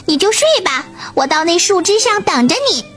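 A woman voicing a small, loyal and fierce sparrow in a bedtime story, chirpy and quick-tongued. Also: animated, a bit bright, faint music behind. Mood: kind. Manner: chirpy, rapid and shrill when angry. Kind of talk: storybook character voice.

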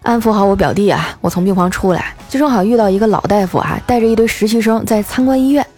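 A woman hosting a podcast, telling funny everyday stories in a lively, chatty way with drawn-out filler sounds. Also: mid-range voice. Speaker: podcast host. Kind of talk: scripted comedic storytelling. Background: faint background music.

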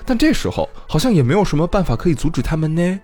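Animated man telling a story. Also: on the high side, quick pace, soft background music. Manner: chatty, animated, addresses listeners directly. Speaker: podcast host. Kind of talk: casual storytelling podcast.

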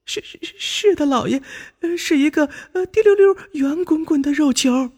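A man's voice: extremely high pitch, unhurried, pitched above the performer's own voice. A male storyteller voicing a terrified young maidservant who stutters and repeats her words in a children's story. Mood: frightened, stammering.

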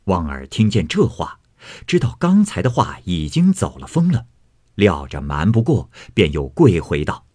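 A man reading a classic novel aloud as an expressive storyteller. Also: low-pitched, normal speed, dry recording, clean studio sound.

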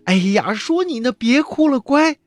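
A man's voice: very high-pitched, lively intonation, measured pace, no room sound, voice pushed up. A man voicing a flustered monster schoolteacher in a storybook, coaxing and pleading.

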